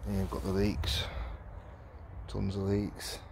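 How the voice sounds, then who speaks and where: A man's voice: deep voice, completely flat delivery, slow pace, vocal fry, background noise. A man chatting casually as he walks through his allotment garden, rambling and chuckling as he goes. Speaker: allotment vlogger. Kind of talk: casual walking tour commentary. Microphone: handheld phone camera.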